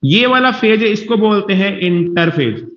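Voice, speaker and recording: Animated and a bit slow, this man's high, slightly bright voice belongs to a biology teacher giving a lecture. He reassures students, says things more than once, and checks they're keeping up, all captured in a dull, echoing classroom.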